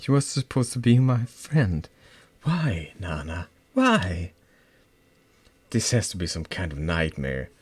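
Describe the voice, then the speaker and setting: A man's voice: deep voice, wildly swooping pitch, takes it slowly, slightly rough, dry recording, exaggerated voice. A man voicing a scared, stammering schoolgirl. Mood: distressed. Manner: pleading, stammering, rising to shouts. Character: frightened, hurt teenage schoolgirl.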